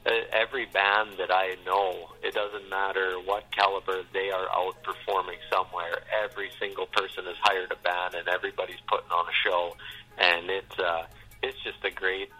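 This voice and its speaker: A man's voice: low voice, little pitch movement, moderate pace, pushed and bright, slightly rough, soft background music, poor audio. A man from the prairies, a touring musician chatting casually in an interview, easygoing and rambling, often saying "you know what I mean.". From Canada, Saskatchewan.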